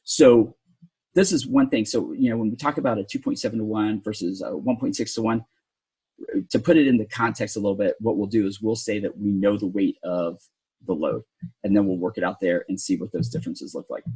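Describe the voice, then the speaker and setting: A rope rescue instructor, a man, works through tension figures step by step, dropping in a dry sarcastic remark now and then. His voice sits low and sounds a little husky. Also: steady tone, brisk, mellow, poor audio. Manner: explanatory, talks through calculations step by step with sarcastic asides. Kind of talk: technical lesson at a whiteboard.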